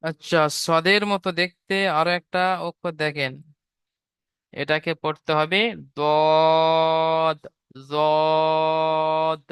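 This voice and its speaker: A man's voice: on the high side, steady tone, measured pace, sharp tone, clear, resonant tone, no echo. A man teaching Quran letter sounds patiently, repeating each point and drawing out every sound. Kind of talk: step-by-step online lesson.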